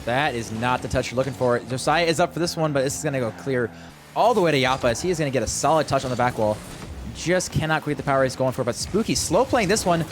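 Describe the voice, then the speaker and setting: A young man calling an esports match play-by-play, quick and excited, talking to the chat. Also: mid-range voice, music in the background. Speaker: esports caster.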